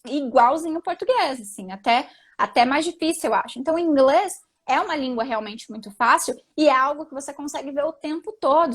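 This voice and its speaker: This is a woman in her thirties, chatting casually on a live stream. Her voice sits high, and she talks in a chatty, emphatic way, full of fillers. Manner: chatty, emphatic, says "tipo" and "entendeu" a lot. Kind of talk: casual chat.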